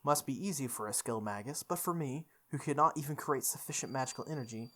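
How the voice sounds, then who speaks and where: A playthrough host dramatically narrates a visual novel at a fast pace, with medium pitch, lively intonation and a pushed, bright sound. Game music plays behind the voice.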